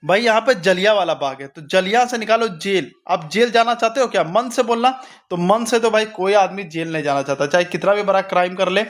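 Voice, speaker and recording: A man's voice: high-pitched, fairly bright tone. A young man teaching an exam-prep lesson with memory tricks, asking rhetorical questions and repeating each answer. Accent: Hindi-speaking north Indian.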